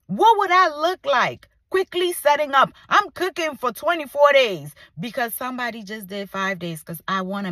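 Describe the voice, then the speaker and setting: In a dry recording, a Ghanaian woman in her forties with a mixed Ghanaian-American accent talks passionately to camera for her vlog followers. She is a content creator with a mid-range voice that sounds pushed and bright, and she keeps repeating things for emphasis.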